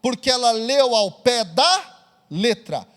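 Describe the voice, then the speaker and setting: High-voiced preacher in a hall. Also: male voice, animated, slow. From Brazil. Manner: storytelling, asks the audience questions. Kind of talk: sermon.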